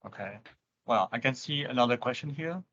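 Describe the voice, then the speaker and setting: A man's voice: mid-range voice, lively intonation, brisk, bright, forceful tone. A man moderating a live webinar, passing questions on with brief, polite prompts. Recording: dull lo-fi video call audio.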